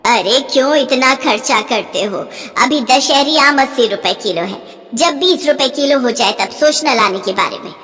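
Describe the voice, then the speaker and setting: A woman's voice: sits high, expressive, measured pace, fairly bright tone, in a large hall. A woman playing a stingy, scheming older mother-in-law who scolds and bosses her family. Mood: grumbling. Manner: scolding, penny-pinching, bossy.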